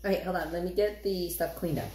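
A woman's voice: lowish voice, lively intonation, fast, a little mellow, a little hiss or hum. A woman filming her kids at home in a casual family video, playful and teasing, often laughing as she talks.

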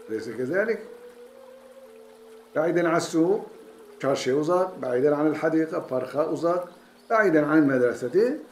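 A man's voice: a little high, roomy sound. A man with a Turkish accent teaching an Arabic text, reading each word, then translating and repeating it patiently.

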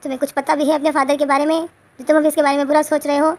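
An angry mother scolds her grown son again and again, read out by a woman. Her voice is gravelly and fairly high. The tone stays flat and scolding. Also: very fast. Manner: scolding, repeats herself.

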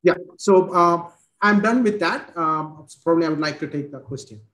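A man in his forties with an Indian accent demos a technical product over a video call through a headset, restarting often and leaning on fillers. His voice is on the high side with a fairly bright tone, and the call audio sounds roomy.

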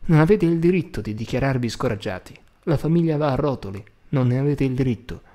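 A man reads a weary, stern mother in a storybook, pressing her family to act. The voice is mellow and low-keyed, firm and insistent. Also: expressive, fast, natural voice.

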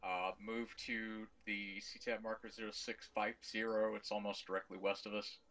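A man speaking as a commander in a military simulation game, giving measured, matter-of-fact tactical instructions. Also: on the low side, little pitch movement, fairly bright tone. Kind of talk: tactical briefing in game chat.

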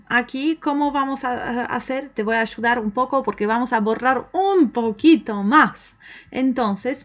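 A woman with a somewhat high voice gives an online language lesson. She speaks slowly and patiently, asks the learner questions and waits for the answers. The recording sounds dull and lo-fi. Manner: slow, patient, encouraging, with pauses for the learner to answer. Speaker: language teacher.

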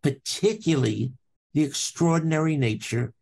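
An older man from Brooklyn, a professor telling a story from his childhood in a podcast interview, slow and deliberate with dramatic pauses. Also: fairly high pitch, creaky, darkish tone, slightly rough. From Brooklyn, New York. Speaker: anatomy professor, guest.

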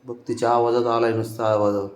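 A man's voice: mid-range voice, little pitch movement, fast. A man chatting to his pet cat in a coaxing, teasing way, repeating questions and chuckling often. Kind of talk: casual baby-talk to a pet.

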